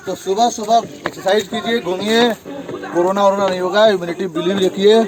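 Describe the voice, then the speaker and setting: A man's voice: sits high, steady tone, fairly quick. A man from Bihar, chatting encouragingly as he hikes outdoors up a hill path, slightly out of breath. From Bihar, India. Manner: chatty, encouraging, talks while hiking uphill. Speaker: trekking vlogger. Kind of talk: casual chat while trekking. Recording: music playing underneath.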